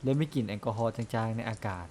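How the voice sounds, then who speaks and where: A man's voice: on the low side, steady tone, fast talker, darkish tone, slight background noise. Chatty man playing a game aloud. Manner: chatty, polite, reacts aloud. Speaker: gaming channel host. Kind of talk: let's-play with narration read aloud.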